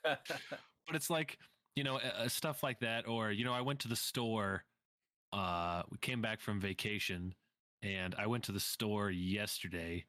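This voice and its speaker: Low voiced guy on a podcast, lots of bro slang, punchy bright sound, dry close audio. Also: a little slow, no echo. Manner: slangy, swearing bro-talk. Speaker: podcast host. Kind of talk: casual chat.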